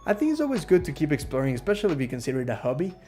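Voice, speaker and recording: A man's voice: fairly high pitch, huge pitch swings, rapid-fire, dark tone. A man from Ecuador hosting a casual live stream Q&A, chatting with viewers, reading their questions aloud and using lots of fillers.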